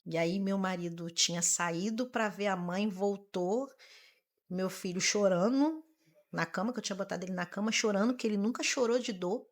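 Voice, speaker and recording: A woman, a massage therapist and mother, telling her painful story as a podcast guest, earnest and halting, often repeating her words. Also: medium pitch. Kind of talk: emotional personal testimony.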